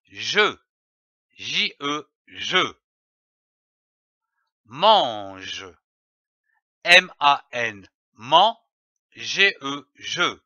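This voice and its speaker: Male phonics teacher, slow and careful, bright lively voice, dry lo-fi voice-over. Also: fairly high pitch, dry recording. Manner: spells out letters and syllables carefully. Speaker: reading teacher. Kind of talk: slow, deliberate phonics lesson.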